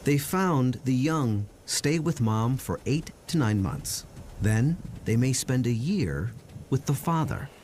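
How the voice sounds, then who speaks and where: A man's voice: mid-range voice, expressive, slow, a little mellow, a little hiss or hum. A man reading scripted narration for a nature documentary.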